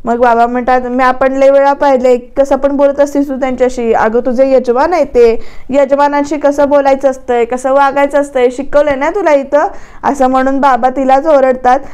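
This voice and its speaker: A woman with a Marathi accent retelling a TV serial episode, reading each character's lines in her own voice and often slowing down. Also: sits high, flat delivery, a little mellow. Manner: switches between narration and quoted lines, often slow and deliberate. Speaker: serial reviewer.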